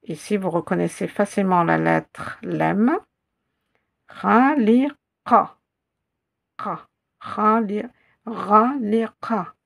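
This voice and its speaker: A woman teaching an Arabic reading lesson in French, patiently repeating each syllable and word slowly for learners. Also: medium pitch, vocal fry. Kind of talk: slow spelled-out reading lesson.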